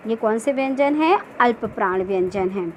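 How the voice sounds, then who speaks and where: High-voiced woman teaching a grammar lesson. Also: animated, a little hiss or hum, low-quality recording. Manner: asks questions then answers them herself; repeats key points slowly and drags out example words. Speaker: school teacher.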